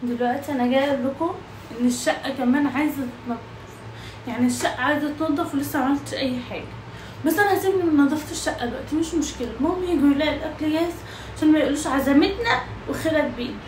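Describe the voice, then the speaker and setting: A woman's voice: sits high, rapid-fire, a little mellow, a little hiss or hum. A young Egyptian woman with an Egyptian Arabic accent, chatting to viewers in a casual cooking vlog from her home kitchen. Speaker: vlogger.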